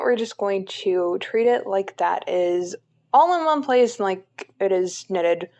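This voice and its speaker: A woman's voice: medium pitch, vocal fry, a little mellow. Chatty young woman knitting vlogger. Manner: chatty and candid, frequent ums. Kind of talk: casual knitting tutorial. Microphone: phone on a stand.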